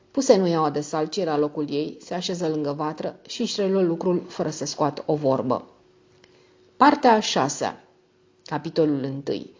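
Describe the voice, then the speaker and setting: A woman narrating a classic novel as an audiobook, in a measured, dramatic storytelling manner. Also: lowish voice, a little mellow. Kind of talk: scripted narration. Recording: dull lo-fi audio.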